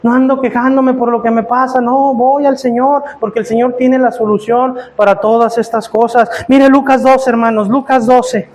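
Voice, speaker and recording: A man's voice: very high-pitched, level tone, normal speed, few pauses, a little mellow, a little hiss or hum. A man, preaching a sermon as pastor, asking his listeners rhetorical questions and often stumbling over repeated words.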